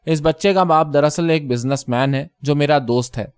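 A man reading the lines of a composed young woman in a story, speaking calmly and matter-of-factly. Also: fairly high pitch, clean tone, dry recording, lightly acted. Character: calm self-assured young beautiful woman.

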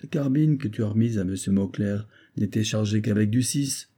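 A man's voice: fairly low pitch, brisk, dark tone, close to an everyday voice. A man reading aloud, voicing a blunt army sergeant with a dry, matter-of-fact manner. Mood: teasing.

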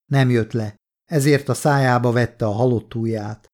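A male audiobook narrator from Hungary reads a novel in a measured, deliberate way. His voice sits at a middling pitch for a man, and the reading is even and unhurried. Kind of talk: scripted narration.

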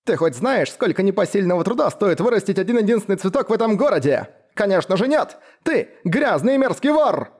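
A shrill, furious old woman, bony and gray-haired, as a male narrator puts her on. Her accusing voice climbs high and strains at the top. Every word comes out as a shriek. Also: big pitch swings, fairly quick, few pauses, a little mellow.

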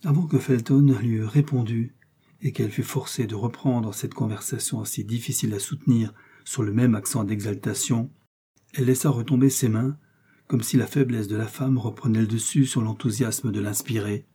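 A male audiobook narrator with a very dark, mellow voice and a husky edge. His measured, expressive reading suits a classic adventure novel. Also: mid-range voice.

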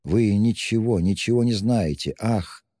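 A man's voice: lowish voice, animated, measured pace, mellow, dry recording, studio quality, big-room sound, voice pushed up. A man voicing a timid, pious young woman who pleads breathlessly in an audiobook reading. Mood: anguished pleading. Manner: pleading, breathless, wringing out words.

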